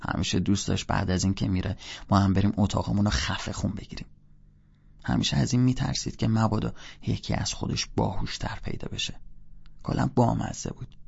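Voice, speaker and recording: A man reading an audiobook in a rambling, conversational first-person voice. His low voice has a gravelly, husky edge. The recording sounds dull and muffled. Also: level tone, a little mellow. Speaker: audiobook narrator. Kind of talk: audiobook narration with character dialogue.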